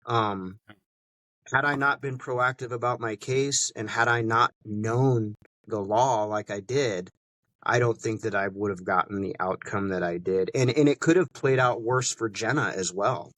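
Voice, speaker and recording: A man's voice: measured pace, no room sound. Man telling a story, very dry sound. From Montana. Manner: animated retelling, acts out others' lines with pitch jumps. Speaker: podcast guest. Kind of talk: casual storytelling interview.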